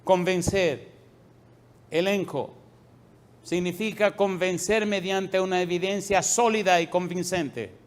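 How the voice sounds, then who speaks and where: In his sermon, a middle-aged male pastor repeatedly presses the congregation with questions, then drops to a soft, low voice at the close of his phrases.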